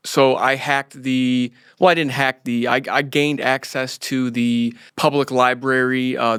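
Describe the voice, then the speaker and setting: Clear-voiced American man, close dry sound. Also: medium pitch, a bit bright, no echo. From United States, grew up in Florida. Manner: halting, repeats phrases. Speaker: interview guest. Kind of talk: casual autobiographical storytelling.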